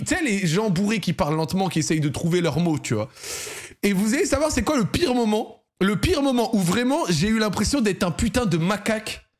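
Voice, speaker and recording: A young man with a Parisian French accent, casually telling his viewers a story in a slangy, animated way, laughing as he goes. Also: high voice. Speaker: streamer hosting a football debrief.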